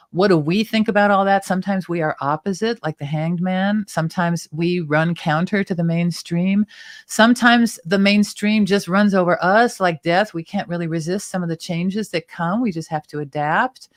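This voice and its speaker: A woman's voice: low voice, no echo, clean studio sound. A woman hosting a tarot talk show, chattily explaining the cards and their symbols at length. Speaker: tarot reader and show host.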